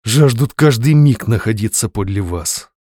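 A man reading a novel aloud, voicing a brooding, jealous male clerk in a gruff, curt tone. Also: lowish voice, animated, normal speed, a little mellow, no room sound, clean studio sound. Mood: low intense.

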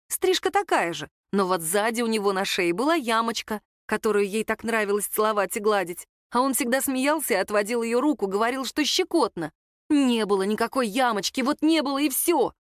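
A woman reading a novel aloud in calm, even audiobook narration. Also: mid-range voice, no room sound, clean studio sound. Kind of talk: scripted narration.

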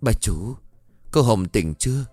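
A man's voice: lowish voice, lively intonation, a little slow, darkish tone, breathy edge, no echo, faint music behind. A male narrator voicing a loyal middle-aged maid who fusses and reassures her employer, in a dry storybook reading. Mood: fussing, reassuring. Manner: fussy, reassuring.

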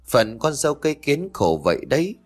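A man's voice: fairly high pitch, big pitch swings, brisk. A man narrating a ghost story in a dramatic, scripted way.

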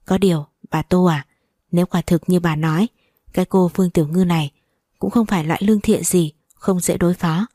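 A woman's voice: lowish voice, steady tone, fairly quick, dark tone, no echo, clean studio sound, natural voice. A woman reading the lines of a scheming, fawning older woman in a storybook novel.

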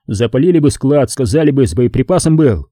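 A man voicing a gruff middle-aged male partisan commander who grumbles and gives orders in an audiobook. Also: mid-range voice, animated, a little fast, dark tone, no room sound, clean studio sound, natural voice. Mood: gruff commanding.

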